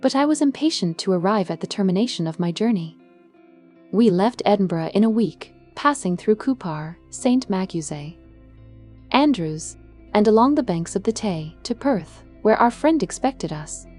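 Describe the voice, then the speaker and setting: Dark, mellow woman narrating gothic fiction. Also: medium pitch, animated, normal speed. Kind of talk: dark scripted audiobook narration of a gothic novel. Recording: music behind the voice. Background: background music.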